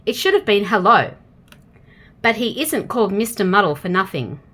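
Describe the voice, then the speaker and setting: Speaking in a mid-range voice at a normal speed, a woman with an Australian accent reads a children's storybook aloud. She is expressive and addresses young listeners directly, asking them questions.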